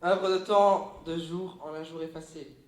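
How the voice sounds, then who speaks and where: A man's voice: fairly high pitch, fairly even intonation, unhurried, close to an everyday voice. A man playing his girlfriend's mother's young helper, dutifully reading classical verse aloud in a live comedy sketch. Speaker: comic stage character. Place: large echoey hall. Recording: roomy live hall sound.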